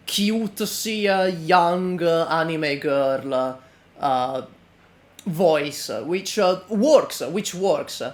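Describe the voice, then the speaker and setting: A man giving unscripted reaction commentary in a halting, deadpan manner. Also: a little high.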